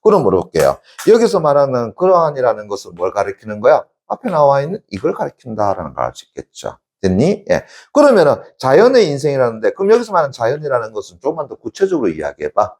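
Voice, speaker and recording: A middle-aged male literature teacher, giving an exam-prep lecture. His pitch leaps and dips constantly as he talks. He keeps firing off quick check-in questions and then answers them himself. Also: wildly swooping pitch, darkish tone.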